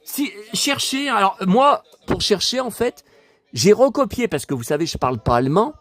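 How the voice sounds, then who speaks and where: A man casually vlogging about collector books, excitable and rambling, talking straight to his viewers. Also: high voice, normal speed, dry recording.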